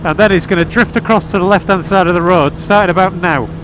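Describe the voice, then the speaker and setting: Talking fast in a high voice with fairly even intonation, an English-accented motorcycle vlogger chats over his helmet intercom as he mostly rides outdoors. His casual, slightly rambling banter carries dry humour over loud wind, engine and road noise.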